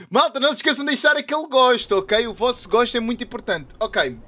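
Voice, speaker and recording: A young man with a European Portuguese accent giving excitable, trash-talking commentary while playing a wrestling game. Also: extremely high pitch, brisk, a little hiss or hum. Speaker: gaming YouTuber. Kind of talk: live gameplay commentary.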